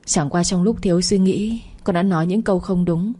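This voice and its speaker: A woman narrator voicing a remorseful young mother who pleads and apologizes, in a low, husky voice. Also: normal speed, dark tone. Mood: pleading.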